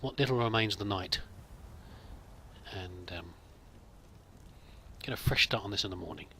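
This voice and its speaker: This let's play host has a fairly low, bright voice with a forceful edge, speaking at normal speed. He offers casual roleplay commentary in character over a video game, politely and hesitantly rambling, with faint noise and game sounds behind him.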